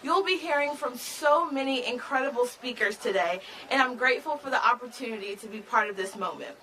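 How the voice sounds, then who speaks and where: A woman's voice: a little high, a little fast, bright, forceful tone, low-quality recording. A woman MC delivering a prepared rally speech in a formal, emphatic, projected manner. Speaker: rally MC and advocate. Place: outdoor rally, speaking to a crowd.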